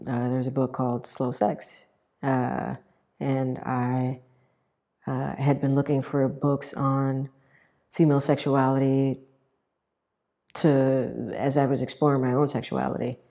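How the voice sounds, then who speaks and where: A woman sharing a personal story in a halting way, with many fillers and restarts. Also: a bass voice, level tone, mellow. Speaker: guest sharing her experience. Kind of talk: personal testimonial.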